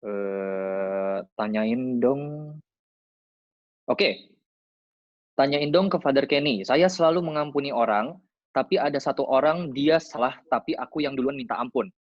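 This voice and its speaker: A man's voice: medium pitch, unhurried, pauses often, no echo. A man hosting an online Q&A, casual and chatty, reading questions aloud. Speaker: host. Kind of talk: online Q&A moderation. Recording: dull, dry lo-fi sound.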